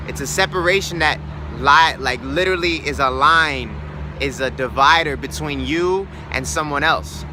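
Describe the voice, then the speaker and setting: Earnest man talking by traffic. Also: fairly high pitch. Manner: earnest, reflective, repeats key words for emphasis. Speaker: host of a self-help challenge series. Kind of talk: motivational spiritual talk.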